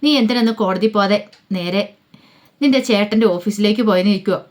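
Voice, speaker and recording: A woman voicing an insistent, pleading husband in a fast-told spoken story recap. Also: medium pitch, close to an everyday voice. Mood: pressing. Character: Vikram, a man questioning his wife.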